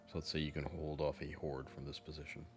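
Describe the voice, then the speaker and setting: Very deep-voiced man playing games. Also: level tone, fast, faint music behind. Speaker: gamer, channel host. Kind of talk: casual game commentary, reading options aloud.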